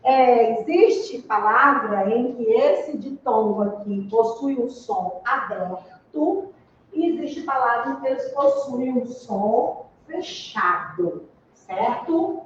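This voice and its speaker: Slow Brazilian woman teaching, echoey hall. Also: fairly high pitch, animated, slight background noise. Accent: Brazilian Portuguese. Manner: slow, deliberate, spells out letters and checks with "certo?". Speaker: Portuguese teacher. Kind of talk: classroom grammar lesson. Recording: echoey room, distant mic, dull sound.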